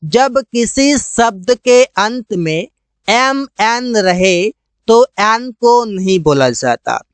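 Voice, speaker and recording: A teacher explaining English silent-letter rules in Hindi, slowly repeating each rule and example word. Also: mid-range voice, clear, resonant tone, no echo.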